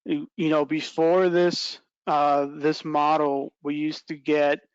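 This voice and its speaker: Slow and flat in delivery, this middle-aged man's slightly high voice comes through clean with no echo, though the audio is dull. A product trainer running a webinar, he gives an informal step-by-step presentation on a video call from a small plain indoor room, checking in with "right" and "okay."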